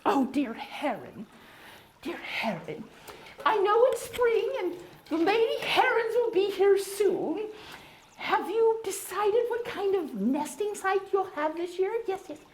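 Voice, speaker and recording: A woman's sing-song, exaggerated voice brings to life a proper, kindly beaver hostess teaching at a tea party in a children's educational puppet show. Sitting extremely high and swooping widely, her slow, sweet delivery sounds gracious and is dotted with gentle "oh"s, recorded in an echoey room with faint noise underneath.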